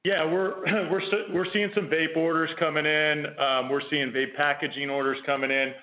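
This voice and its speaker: A company executive answers analysts' questions on an earnings conference call, explaining the business in a measured way. His voice is a little high with flat delivery, coming through a tinny telephone line.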